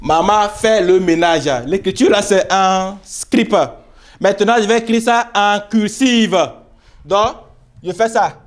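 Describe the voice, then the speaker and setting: A man's voice: high-pitched, fairly even intonation. A man teaching a primary school reading lesson, spelling out syllables, repeating words and checking with the pupils as he goes. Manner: slow, repeats words and syllables, asks "vous voyez?".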